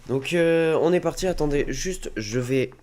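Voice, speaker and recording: A man's voice: a little high, unhurried, a little mellow. A man with a head cold casually chatting to viewers while streaming a game. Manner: chatty, rambling, talks to viewers. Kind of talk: casual let's-play commentary. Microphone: desk microphone.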